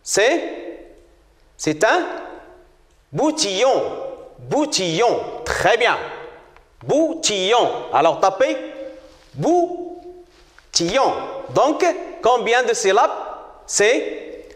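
A man leads a children's reading lesson at a very slow, deliberate pace, repeating each word and praising often. His voice sits high and swings widely in pitch. The recording has a roomy echo with a long reverb tail. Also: sing-song, fairly bright tone. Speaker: primary school teacher.

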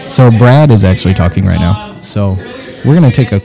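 A man's voice: fairly low pitch, expressive, fairly quick, vocal fry, over music. Chatty male podcast host at a banquet. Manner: upbeat, chatty, lots of fillers. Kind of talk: casual chat. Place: banquet hall at a running club dinner.

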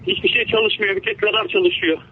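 A man, a ship's engineer, calling in over a ship's radio link, injured and shaken, talking haltingly and repeating himself with many fillers. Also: high voice, steady tone, slightly rough. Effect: heard over a crackly ship's radio link. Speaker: ship's engineer on a hijacked vessel. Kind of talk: emergency radio call. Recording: tinny radio line with faint noise.

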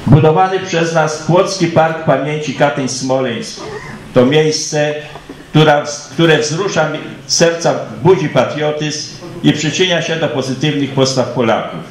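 A man's voice: fairly high pitch, a little slow, roomy sound, slight background noise, rough recording. A man delivering a formal, solemn commemorative welcome speech in a declamatory way, as if reading it out. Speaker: ceremony speaker welcoming guests.

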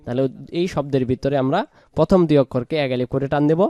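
A man with a Bangladeshi Bengali accent teaching Quran pronunciation word by word, explaining each sound and repeating words slowly. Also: mid-range voice, mellow, no room sound. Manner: explains, then chants words slowly and drawn out. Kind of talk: slow word-by-word pronunciation lesson.

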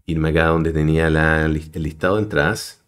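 A man's voice: rumbling low, fairly even intonation, moderate pace, clear, resonant tone. A man hosting a screen-recorded web tutorial, explaining step by step and addressing his viewers directly. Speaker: tutorial host. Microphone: voice-over on a screen recording.

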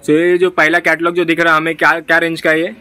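His voice is on the high side, pushed and bright, delivered fast and completely flat. The vlog host, who has an Indian accent, questions a seller in a small clothing shop, repeats what he hears back, and speaks to his audience in a market shopping vlog.

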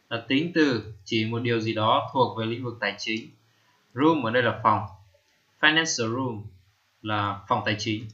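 An English teacher gives a slow, screen-recorded lesson in a mid-range voice that sounds bright and forward. He repeats each term and fills pauses with plenty of fillers, while the lo-fi recording comes across a little dull and muffled.

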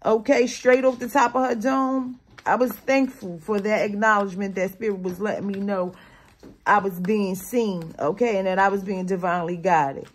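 A woman's voice: normal speed, slight background noise. A woman giving a casual spiritual card reading to her viewers, slangy and emphatic, with her morning voice still on her and a habit of tacking "okay?" onto her lines. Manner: swings between low mutters and loud animated bursts.

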